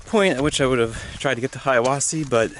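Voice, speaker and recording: A young man casually vlogging while hiking a mountain trail, talking in a halting, easygoing way with many fillers, sometimes out of breath. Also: mid-range voice, fairly bright tone. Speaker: thru-hiker vlogger. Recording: outdoor clip with clear background noise.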